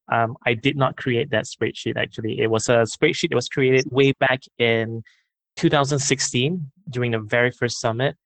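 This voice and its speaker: A man co-hosting a casual podcast, explaining things in a steady, thoughtful way. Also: on the low side, gravelly, no echo, low-quality recording. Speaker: podcast co-host.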